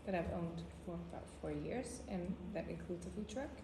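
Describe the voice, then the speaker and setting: Gravelly-voiced woman introducing herself. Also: lowish voice, animated, normal speed. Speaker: guest. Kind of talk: casual self-introduction. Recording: echoey room with background noise.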